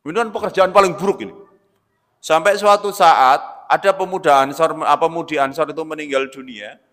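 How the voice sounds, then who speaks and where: A man preaching an Islamic sermon, swinging between loud emphatic bursts and quiet asides, often addressing listeners as "Pak". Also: on the high side, a little fast. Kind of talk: lecture-style religious sermon. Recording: long reverb of a large hall.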